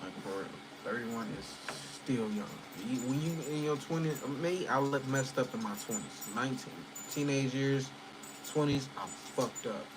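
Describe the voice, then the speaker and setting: Background noise sits under this mid-range male voice, which moves at a moderate pace. He's a channel host in his early thirties, chatting casually with viewers from home in a rambling livestream loaded with fillers and curse words.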